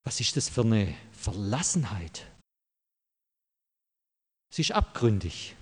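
A man's voice: on the low side, very animated, takes it slowly, husky. A pastor delivering a sermon in a church, emphatic and direct with the congregation, repeating his key phrases. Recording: long hall reverb.

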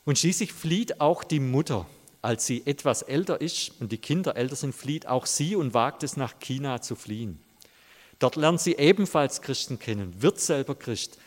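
Earnest preacher man in a reverberant hall. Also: medium pitch. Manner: earnest storytelling preacher, addresses listeners directly. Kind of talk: sermon.

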